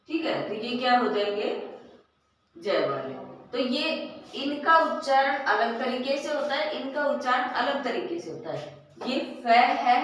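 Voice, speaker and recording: A woman teaching a Hindi lesson, repeating each word and turning it into a question for her students. Her voice sits a little high and she talks slowly. She is heard from some distance in a very echoey room with faint noise. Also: fairly bright tone. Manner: slow, repeats words and asks questions. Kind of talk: classroom grammar lesson.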